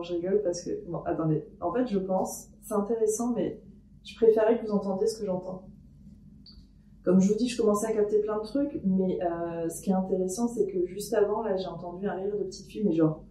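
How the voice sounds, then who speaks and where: A woman recording a paranormal experiment vlog at home, talking her thoughts aloud in a hesitant way with many pauses and restarts. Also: medium pitch, mellow, distant mic, a little hiss or hum. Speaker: paranormal investigator. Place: room in her house. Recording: echoey room, voice off-mic.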